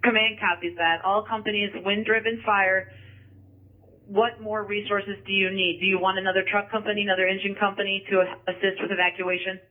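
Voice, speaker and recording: High-voiced male fire commander, urgent radio. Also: level tone, a little fast. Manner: clipped, procedural. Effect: two-way radio. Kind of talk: urgent firefighter radio traffic. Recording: tinny, narrow-band radio scanner feed.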